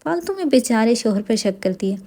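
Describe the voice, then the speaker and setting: Woman reading young captain husband, affectionate, gently scolding, soft mellow tone. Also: on the high side, animated. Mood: teasing. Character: young army captain husband, teasing, tender. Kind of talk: audiobook dialogue reading.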